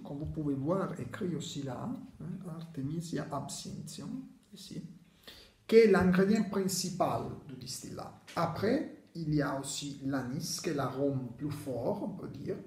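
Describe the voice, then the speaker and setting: A man who is not a native French speaker, explaining to camera in halting, imperfect French with a foreign accent. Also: a little high, a little mellow. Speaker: video presenter. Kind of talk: unscripted explanatory talk to camera. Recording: echoey, reverberant room sound.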